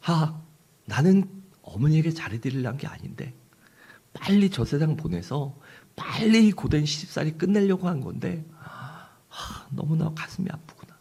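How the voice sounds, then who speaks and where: A husky-voiced man voicing a remorseful young wife who is crying and confessing in a pleading tone. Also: animated, moderate pace, warm tone. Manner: high, pleading, emotional. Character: remorseful young wife, tearful and guilt-ridden.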